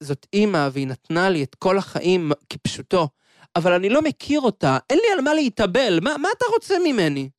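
A man's voice: high-pitched, sing-song, dry recording, clean studio sound. A man doing an earnest pleading young son.

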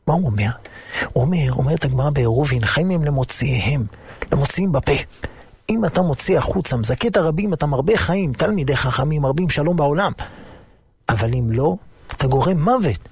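A male preacher giving a sermon in a lively storytelling manner and acting out the voices of the people in his stories. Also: a little high, husky, dry recording.

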